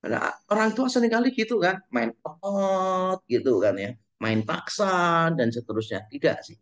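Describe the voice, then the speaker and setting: A man's voice: sits high, animated, normal speed, a bit bright. Middle-aged man as a webinar speaker, playful storyteller. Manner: jokey storytelling, acts out quoted parents and kids. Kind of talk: humorous parenting talk.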